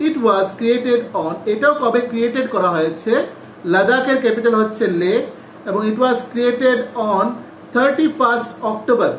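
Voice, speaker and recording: A man's voice: high-pitched, fairly bright tone. A male teacher giving a class lesson, who repeats each name, spells it out letter by letter and asks the class questions. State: sweating. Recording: echoey room, faint noise.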